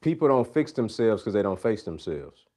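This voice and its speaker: A man's voice: lowish voice, very animated, normal speed, mellow. A man hosting a live Q&A, talking emphatically in a preacherly coaching style and repeating his key phrases. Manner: preacherly, faith-based coaching. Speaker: host. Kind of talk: live Q&A talk.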